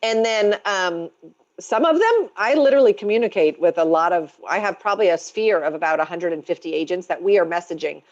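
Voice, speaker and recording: A woman's voice: on the low side, a little fast. A woman co-hosting an online real estate training, coaching her audience in an upbeat, encouraging way. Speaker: real estate team leader and co-host. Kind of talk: coaching webinar. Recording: dull lo-fi video call.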